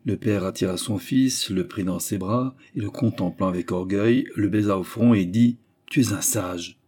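A man reading a literary story aloud as narrator, with a slow, ornate storytelling cadence. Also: lowish voice, dark tone, husky. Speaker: audiobook narrator.

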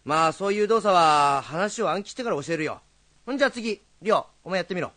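A blunt, hot-headed young rakugo teller who speaks. His voice sits high and swings widely as he scolds. The sound is close and dry. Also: expressive, sharp tone, no room sound. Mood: gruff. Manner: gruff, rough-tongued and quick to scold. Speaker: rakugo storyteller teaching students. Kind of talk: film drama acting.

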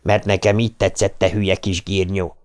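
A man's voice: low-pitched, flat delivery, natural voice. A man doing a snarling teen bully. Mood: menacing. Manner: shouting, menacing. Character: brutal bully teen boy, snarling threats.

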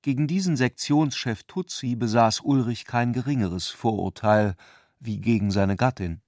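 A man's darkish, middle-pitched voice narrates a literary radio play with measured, articulate delivery. The sound is close-miked and dry, with no room sound at all.

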